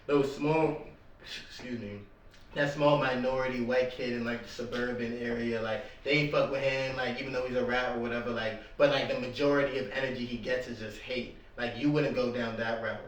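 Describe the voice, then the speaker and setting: A man's voice: mid-range voice, steady tone, fairly quick, a little hiss or hum. A man hosting a podcast, asking laid-back, probing questions in casual chat. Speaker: podcast host. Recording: echoey room, mic at a distance.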